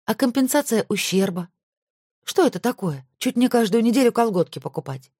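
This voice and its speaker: Sweet sly dancer girl, breathy and coaxing, high and bouncy, woman reading her. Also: animated, brisk, a little mellow, no echo, studio quality.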